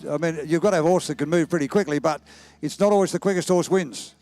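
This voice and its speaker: A man with a croaky, slightly hoarse voice giving live commentary on horse sport as an event commentator. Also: a little high, fast, a little mellow, faint music behind. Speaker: race commentator.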